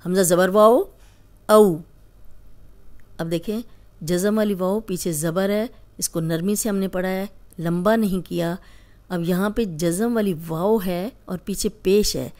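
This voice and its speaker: Slow, patient woman teaching reading drills. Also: lowish voice, steady tone, darkish tone. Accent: Pakistani Urdu. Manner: patient, repeats syllables in drills and quizzes the learner. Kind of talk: slow spoken lesson with drills.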